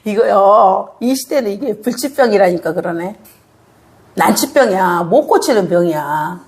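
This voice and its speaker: A middle-aged woman pastor preaching a sermon, animated and teasing, asking the congregation questions, laughing, and breaking into shouts and a tearful tone. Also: mid-range voice, measured pace.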